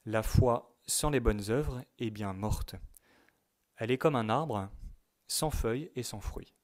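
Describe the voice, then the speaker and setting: Man giving a measured religious teaching. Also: mid-range voice, darkish tone. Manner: measured, emphatic delivery, stressing key words; reads quotations aloud. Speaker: teacher at a youth retreat.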